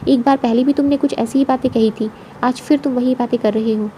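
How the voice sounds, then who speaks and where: A woman voicing a proud housewife, kind but quick to take offence. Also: sits high, steady tone, slight background noise, lightly acted. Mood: indignant. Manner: firm, sharp when insulted.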